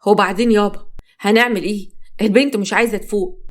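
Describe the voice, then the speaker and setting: Female narrator as a controlling Egyptian husband; smug, menacing, deliberate. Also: mid-range voice, steady tone, lightly acted. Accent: Egyptian Arabic. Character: domineering gloating husband, middle-aged man.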